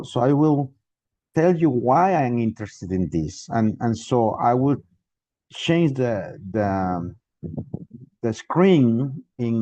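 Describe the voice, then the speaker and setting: Lecturing from home on a remote video call, this Costa Rican man has a warm voice of medium pitch. As a guest lecturer in an online academic talk, he sounds hesitant, with frequent restarts and fillers. The recording is dry, and its highs are cut off.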